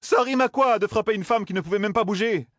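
A man's voice: a little high, expressive, brisk, no room sound, studio quality, voice pushed up. A man reading an audiobook, voicing a brash young man who curses and grumbles sarcastically. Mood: indignant. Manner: gruff, cursing, sarcastic.

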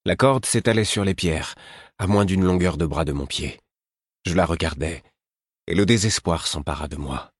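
A man narrates a story in the first person with a very low, husky voice. His reading is measured and grave, recorded close on the mic in a dry, dead room. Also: no room sound. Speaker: audiobook narrator.

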